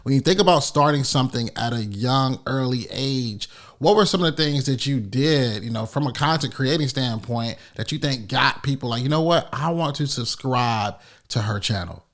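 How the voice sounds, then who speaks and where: A man's voice: mid-range voice, expressive, moderate pace, a bit bright. A man hosting a podcast, talking in a casual, hyped-up, encouraging way. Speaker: podcast host. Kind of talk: podcast interview.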